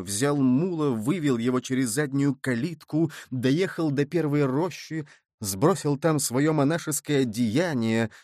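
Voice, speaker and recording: A man narrating a classic adventure novel in a measured, even reading. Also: medium pitch, no echo, studio quality. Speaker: audiobook narrator. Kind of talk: scripted narration.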